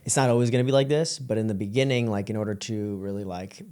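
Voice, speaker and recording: A young man from Colombia, a podcast guest telling his story in casual chat, relaxed and full of fillers and restarts. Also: fairly low pitch, fast talker. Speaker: podcast guest, creative entrepreneur.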